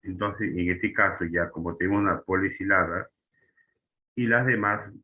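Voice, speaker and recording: A man's voice: deep voice, normal speed, narrow, tinny audio. A man teaching a lesson to young students, explaining step by step with frequent fillers and tag questions. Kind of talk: spelling and grammar lesson.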